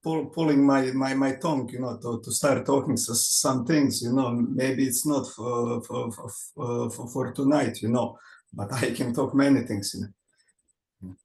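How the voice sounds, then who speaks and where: A man from Serbia with a Serbian accent, speaking halting English on a group call, often searching for words and repeating himself. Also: mid-range voice, steady tone, a little mellow, reverberant, poor audio.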